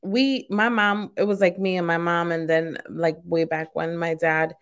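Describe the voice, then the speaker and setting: Smooth and fairly low, the voice belongs to a podcast host from Brooklyn, New York, who keeps an even intonation and a measured pace. She chats casually in an interview setting, often dropping "like" and "you know" into her conversational talk.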